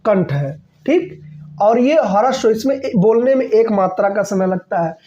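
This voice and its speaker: A man's voice: high-pitched, lively intonation, a little slow, warm tone, lo-fi sound. A man teaching an exam-prep grammar lesson, repeating key points and checking in with his students often. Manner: asks and answers own questions.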